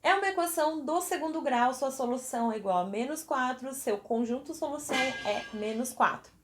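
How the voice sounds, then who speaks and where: A woman's voice: high-pitched, lively intonation, fairly quick, echoey room. A woman teaching math at a whiteboard in a chatty, encouraging way, asking the viewer questions as she works. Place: classroom with a whiteboard.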